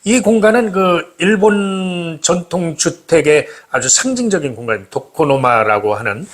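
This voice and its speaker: A man's voice: on the high side, expressive, normal speed. A man speaking as a guest in a casual conversation, answering with short reactions and easy comparisons, recorded indoors in an old house.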